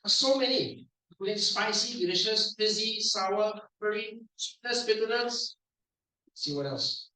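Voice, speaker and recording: A man with a Singaporean accent who evaluates language at a speaking club, coaching the room on pronunciation in a playful way and drilling words aloud slowly. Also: sits high, sharp tone, recorded from a distance. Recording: echoey room, voice from off the mic.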